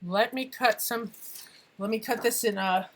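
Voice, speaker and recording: A woman's voice: a little high, unhurried, slight background noise. Chatty woman live-streaming her crafting. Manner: chatty, thinks aloud, trails off mid-sentence. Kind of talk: casual live-stream chat while crafting.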